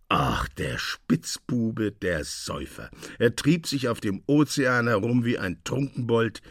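A man reads a classic tale aloud for radio, lively and expressive in his storytelling. His mid-pitched voice is dry and close to a studio microphone, with no room sound. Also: dry recording. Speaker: narrator. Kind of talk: literary radio reading.

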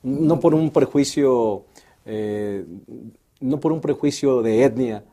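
A man hosting a Bible study discussion, praying and then asking the pastor questions in a calm manner. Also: mid-range voice, takes it slowly. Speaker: lesson host.

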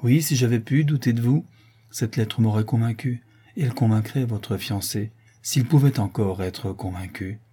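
A man voicing a grave, sorrowful young woman who speaks gently and hesitantly, in an audiobook. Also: mid-range voice, moderate pace, slightly rough, close to an everyday voice. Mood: gentle.

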